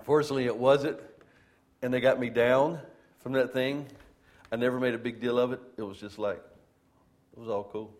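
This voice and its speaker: A man's voice: mid-range voice, steady tone, moderate pace, a little mellow. A man, a pastor, preaching a sermon and telling a funny, self-deprecating story to his congregation. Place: church.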